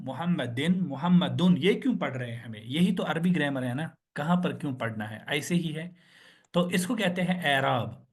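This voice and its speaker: A man teaching an online Arabic grammar lesson, patiently drilling word endings and asking the class questions he answers himself. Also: on the high side. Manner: slow, patient, repeats and drills words.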